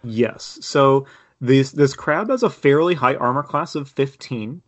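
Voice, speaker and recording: A man's voice: mid-range voice, unhurried. A man narrating as game master for a tabletop game, with a loose, rambling delivery full of fillers.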